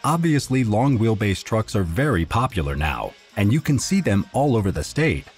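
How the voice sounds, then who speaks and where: A man reading a scripted voice-over narration in a steady, informative explainer manner. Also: lowish voice, moderate pace, soft background music.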